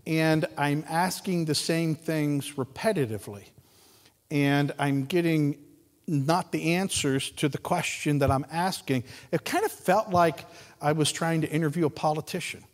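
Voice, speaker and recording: A man's voice: on the high side, measured pace. A man preaching a sermon as pastor, in a conversational, folksy way with some repetitions. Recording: long reverb of a large hall.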